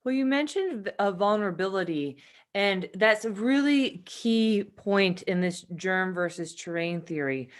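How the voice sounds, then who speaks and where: A woman hosting an interview, affirming her guest and asking questions in an unhurried way. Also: mid-range voice, expressive. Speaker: host. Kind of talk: podcast interview.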